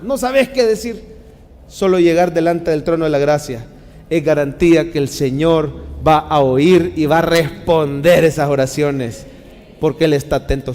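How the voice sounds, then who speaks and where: Impassioned high-voiced preacher in a hall. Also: male voice. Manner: impassioned, swinging between hushed and loud. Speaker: pastor. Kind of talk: sermon.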